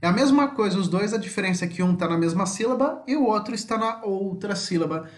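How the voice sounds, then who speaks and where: A man with a Brazilian Portuguese accent teaching a homeschool language lesson in a chatty way, full of tag questions, sounding out example words slowly. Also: high-pitched, animated, reverberant. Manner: chatty, many tag questions, slow deliberate word examples.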